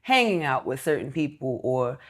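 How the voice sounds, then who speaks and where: A woman's voice: extremely low pitch, very animated, moderate pace. A woman in her thirties talking as an interview guest, earnest and reflective, explaining things step by step in casual chat. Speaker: entrepreneur guest.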